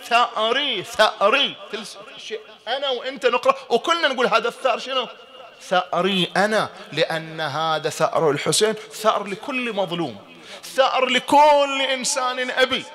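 A man's voice: high-pitched, pushed and bright. A man teaching a grammar lesson with religious explanation, asking rhetorical questions and repeating examples.

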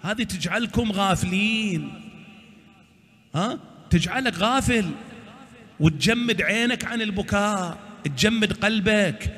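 A man's voice: high-pitched, measured pace, long pauses, fairly bright tone, big-room sound. A man preaching a sermon, exhorting his listeners and answering his own rhetorical questions.

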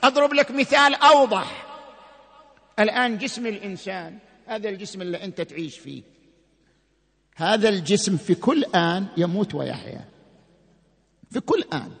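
A man giving a sermon-style religious lecture, emphatic, slowing and rising on key words. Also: sits high, lively intonation, gravelly, a bit bright, husky, big-room sound.

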